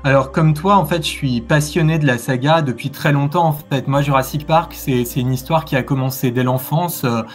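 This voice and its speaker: A man's voice: mid-range voice, faint music behind. Earnest man in his thirties. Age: 30s. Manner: earnest, measured, frequent hesitations. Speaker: literature and philosophy teacher, guest author. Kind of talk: casual video interview.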